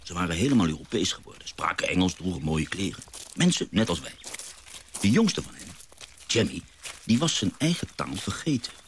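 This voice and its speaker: A low-voiced naturalist father in a radio play, lively storyteller, very expressive delivery. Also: a little fast, a little hiss or hum. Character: gentle father, a naturalist recalling his sea voyage. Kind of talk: radio drama narration.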